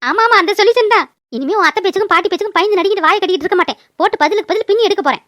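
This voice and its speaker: A woman's voice: very high voice, animated, very fast, fairly bright tone, no echo, studio quality. Woman voicing a stern scolding village mother. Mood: scheming chat. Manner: lecturing, scolding. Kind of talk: cartoon voice acting.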